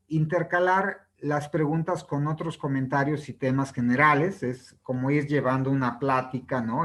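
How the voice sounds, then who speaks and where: A man talks through a sales book as a lesson, in a voice pitched a little above the usual for a man. He checks in with his listeners through a steady "no?" after his points and acts out sample questions to show how intonation changes them. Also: poor audio. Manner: ends many phrases with a questioning "¿no?" tag. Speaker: presenter reviewing a sales book. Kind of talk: explanatory lesson.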